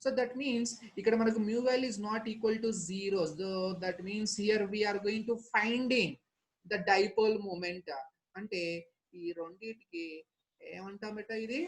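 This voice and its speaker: A woman's voice: mid-range voice, very fast, poor audio. A woman with a Telugu Indian accent teaching a lesson, repeating key points and often checking with short question tags. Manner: instructive, repetitive, frequent question tags. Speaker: chemistry teacher.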